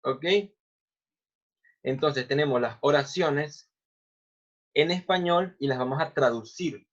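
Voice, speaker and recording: A man with a husky, slightly breathy voice teaches grammar to learners, saying each example phrase slowly before breaking it down. The sound is dull and lo-fi, with the top end rolled off. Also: mid-range voice. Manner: models English phrases slowly, then explains in Spanish. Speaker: English teacher.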